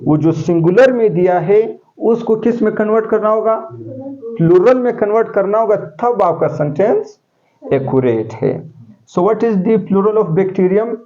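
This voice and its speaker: A man's voice: sits high, lively intonation, measured pace. Male teacher quizzing his class. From Pakistan. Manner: explains step by step, asking the class questions. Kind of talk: classroom lecture. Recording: dull lo-fi classroom recording.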